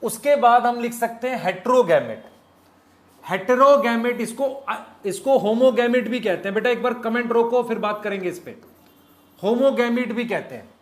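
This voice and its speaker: A man's voice: very high-pitched, normal speed. A man teaching biology in a live online lecture in speech, repeating key points and quizzing his students.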